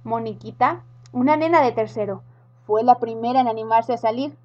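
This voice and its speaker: A woman with a Rioplatense Spanish accent reading a children's story aloud, acting out the characters with lively voices. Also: fairly high pitch, moderate pace. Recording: dull lo-fi sound.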